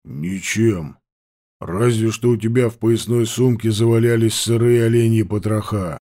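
A man's voice: a little slow, warm tone, close to an everyday voice. A male reader voicing a grim, irritable tracker who speaks in short, growling replies. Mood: gruff. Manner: terse, low and growling. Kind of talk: audiobook character voice.

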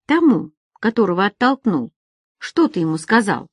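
Female narrator as a quietly bitter married woman, soft and anxious, mid pitch. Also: sing-song, moderate pace, husky, dry recording, clean studio sound. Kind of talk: audiobook character voice.

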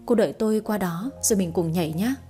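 A woman's voice: mid-range voice, fast talker, mellow, faint music behind, close to an everyday voice. A woman voicing a tearful middle-aged man in debt in a read-aloud story. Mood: pleading.

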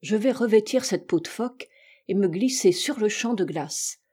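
A woman reading the lines of a brave, commanding male polar captain in a calm, firm voice. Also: medium pitch, moderate pace, breathy edge. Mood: resolute.

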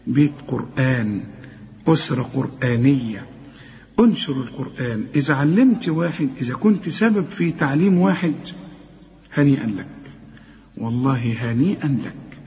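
Egyptian man, recitation teacher, husky voice, coaxing tone, repeats words, muffled lo-fi sound. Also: mid-range voice, darkish tone. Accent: Egyptian Arabic. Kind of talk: tajweed lesson.

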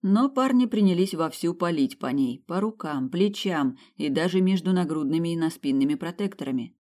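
An audiobook narrator reading a thriller in an even, measured way. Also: mid-range voice. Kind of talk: scripted narration.

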